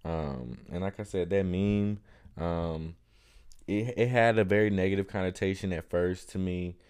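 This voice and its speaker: A man with a very low voice talks through his thoughts in a relaxed vlog. He speaks in a thoughtful, rambling way, often pausing on "um" and restarting his sentences. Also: clean tone. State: has hiccups. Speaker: vlogger. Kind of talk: casual reflective monologue.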